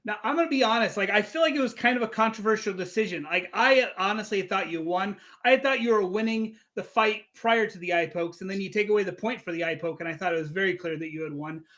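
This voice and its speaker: A man's voice: high-pitched, quick pace, few pauses, fairly bright tone. A man hosting a casual interview, chatty and rambling, full of "like" and restarts. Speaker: interview host.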